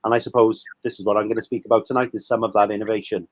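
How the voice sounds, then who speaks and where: A man's voice: fairly low pitch, level tone, rapid-fire, no echo. A Welsh man in his thirties, a guest historian talking hesitantly over a video call, with many fillers and restarts. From Wales. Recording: dry, slightly muffled video call audio.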